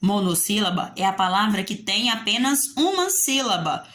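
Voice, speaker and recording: A woman's voice: medium pitch, big pitch swings, moderate pace, a bit bright. A woman teacher with a Brazilian Portuguese accent giving a video lesson for young children, in a sing-song teaching voice that asks and answers pupils' questions.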